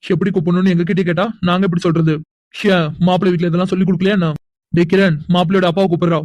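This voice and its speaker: A man's voice: high-pitched, flat delivery, very fast, darkish tone, no room sound, lightly acted. A man voicing a mocking young man in a cartoon, teasing and taunting. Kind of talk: cartoon voice acting.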